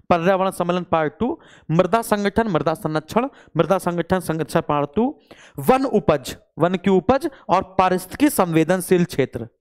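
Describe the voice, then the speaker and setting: A young man, a coaching teacher walking students through a course syllabus and scolding those who complain. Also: high-pitched.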